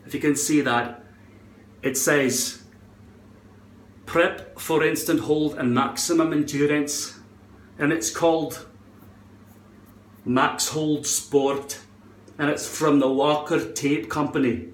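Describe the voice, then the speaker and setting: A man shows off a hairpiece adhesive product, talking slowly with frequent pauses in a steady, fairly high voice. He rambles in an unconvincing put-on Scottish accent, repeating words and swearing now and then, while the indoor recording echoes.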